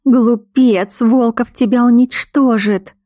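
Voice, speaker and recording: Woman putting on a vicious young henchwoman, raised and shrill, furious, sneering, dry close sound. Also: fairly even intonation, slow pace, warm tone, no room sound. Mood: urgent. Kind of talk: audiobook character voice.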